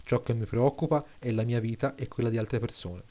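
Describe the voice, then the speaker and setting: A man's voice: medium pitch, brisk, dark tone, close to an everyday voice. A man voicing an orderly, rational young woman, the grammarian's daughter, who speaks in a prim, fussy way.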